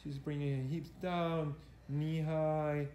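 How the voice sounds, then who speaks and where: This fitness coach has a fairly high but dark-toned voice with little variation in pitch, and he takes his time. Recording on a handheld camera he operates himself, he narrates exercise demonstrations live in an indoor gym in a hesitant, repetitive, instructional manner. The space echoes, and faint background noise is audible.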